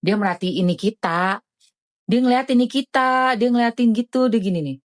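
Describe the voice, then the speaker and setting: A woman hosting a casual live stream, chatting animatedly in slang and selling skincare. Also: normal speed. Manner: animated, chatty, jumpy pitch swings, lots of slang.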